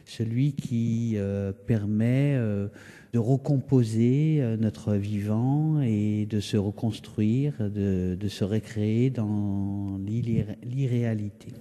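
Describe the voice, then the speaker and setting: A man, an artist explaining their work in an interview, halting and searching for words, in an echoey hall. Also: on the low side, fairly even intonation, dark tone. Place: indoor hall of a townhouse. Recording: echoey, resonant building interior.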